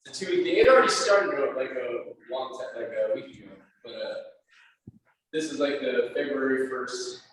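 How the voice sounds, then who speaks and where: A man's voice: mid-range voice, expressive, normal speed, a bit bright. A man leading a live workout class, counting down reps and calling out encouraging cues. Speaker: fitness instructor. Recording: echoey room, distant mic, faint noise.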